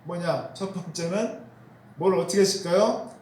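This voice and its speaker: A man's voice: sits high, normal speed, darkish tone, slight background noise. A man preaching a sermon as pastor, asking the congregation questions and answering them himself, and repeating key phrases for emphasis. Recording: roomy echo.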